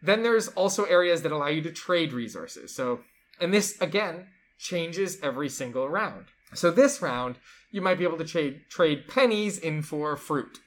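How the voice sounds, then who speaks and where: An enthusiastic co-host walks through a board game's rules in a casual, chatty way, sprinkling in plenty of "like"s. The voice sits at a middle pitch. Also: animated, moderate pace. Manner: enthusiastic, chatty, lots of fillers like "like". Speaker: board game show co-host. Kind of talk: casual chat explaining game rules.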